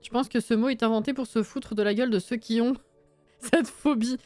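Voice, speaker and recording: A young woman streamer chats casually as she builds in a game, swearing, laughing and reading out messages. Her voice sits a little high and sounds dry and close, with faint music playing underneath. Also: steady tone, moderate pace, a little mellow, dry recording. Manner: chatty, swears, laughs often, reads chat aloud.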